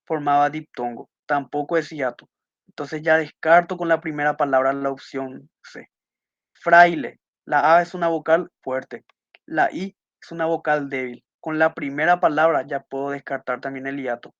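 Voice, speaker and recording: A man's voice: fairly high pitch, steady tone, moderate pace, a bit bright, no room sound. A man teaching a class, patiently going over test answers and repeating key points with little checking questions. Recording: muffled dry lo-fi audio.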